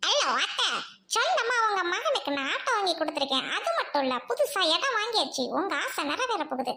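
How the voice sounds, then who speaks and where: A woman playing a brash, defiant young daughter-in-law who scolds and boasts loudly in a comic serial spoof, recorded with background noise. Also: very high voice, big pitch swings, fairly quick, full character voice.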